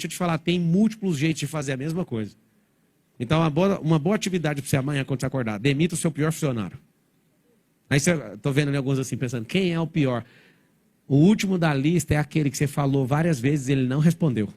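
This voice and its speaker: Man, motivational speaker on stage; fast, slightly high voice; blunt, provocative delivery to a live crowd. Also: darkish tone. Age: adult, father of four. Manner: blunt, provocative, rapid-fire.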